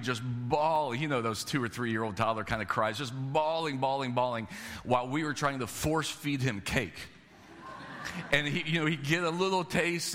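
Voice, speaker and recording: Man, pastor, middle-aged, sermon, lively storytelling, slow scripture reading, bright tone, hall reverb. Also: mid-range voice. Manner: animated storytelling with quoted voices, slowing for scripture reading.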